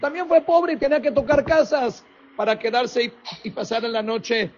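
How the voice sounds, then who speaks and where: Rabbi giving a sermon, high voice, dull lo-fi sound, keeps throwing questions at you. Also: male voice. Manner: animated, asks rapid rhetorical questions. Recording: dull lo-fi recording.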